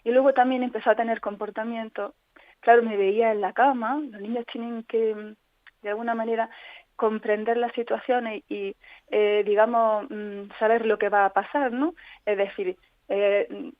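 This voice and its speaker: A woman's voice: on the high side, steady tone, normal speed, dry recording. Woman from on a phone line. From Spain. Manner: earnest, reflective storytelling. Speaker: interview guest, patient advocate. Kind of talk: personal account in a radio interview. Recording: dry, tinny phone line.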